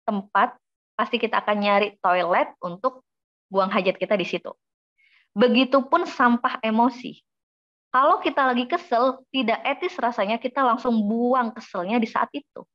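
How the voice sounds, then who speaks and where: A woman giving a lively parenting talk in a webinar. She asks questions and then answers them herself. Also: on the high side, normal speed. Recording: dull lo-fi webinar audio.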